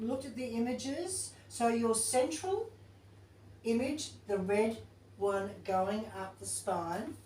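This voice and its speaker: A woman with a fairly high, somewhat dark voice leads a yoga teacher training class, chatting informally and thinking out loud as she reads to the group. It's casual group class talk, recorded from a distance in an echoey room with a bit of hiss or hum.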